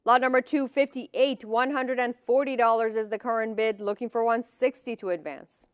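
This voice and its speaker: A woman's voice: a little high, fairly even intonation, moderate pace, clean tone, dry recording, clean studio sound. A woman working as an auctioneer, calling lots and bids in a formal, clipped, repetitive manner.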